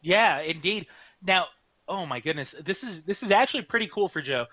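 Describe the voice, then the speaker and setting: A man doing live card game commentary, excitable, laughing often and restarting his sentences. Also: high-pitched, moderate pace, no echo, muffled recording.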